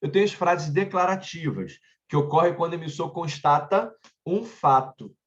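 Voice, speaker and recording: A man's voice: a little high, moderate pace, highs cut off. A man with a Brazilian Portuguese accent, teaching an online grammar lesson in a conversational way, often stopping to check in with his students and drifting into chatty personal asides.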